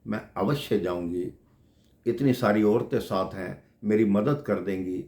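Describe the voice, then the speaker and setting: A man's voice: on the low side, a little slow, dark tone, roomy sound. A man voicing a devout young married woman who speaks earnestly and firmly, in a devotional story. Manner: earnest, determined.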